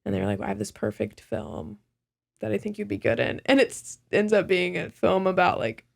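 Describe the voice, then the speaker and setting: A woman's voice: mid-range voice, expressive, fairly quick, gravelly. A young woman from California, a singer and actress, chatting casually as a podcast guest, laughing often and filling her talk with "like". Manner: laughs often, lots of "like" fillers.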